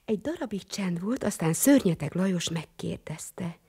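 A woman narrating a children's storybook, often dropping into a breathy half-whisper. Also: fairly low pitch, expressive, mellow. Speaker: audiobook narrator.

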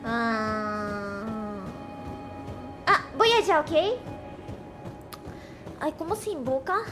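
A woman streaming casually, excitable and quick to shriek when startled, slipping into Japanese and English phrases. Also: very high voice, music in the background. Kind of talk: casual live-stream chat.

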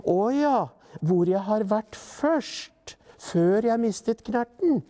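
Little storybook boy, timid and pleading, read by a man. Raised pitch, warm and soft. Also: expressive, in a large hall. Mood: earnest. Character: small shy young boy.

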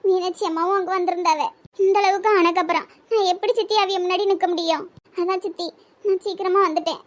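Voice artist doing a weepy young village girl, tirunelveli accent, very high squeaky voice, cartoon. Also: steady tone, fairly quick. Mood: sad. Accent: Tirunelveli Tamil. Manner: pleading, tearful, soft. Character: heartbroken young village woman, tearful and pleading. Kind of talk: cartoon comedy voice acting.

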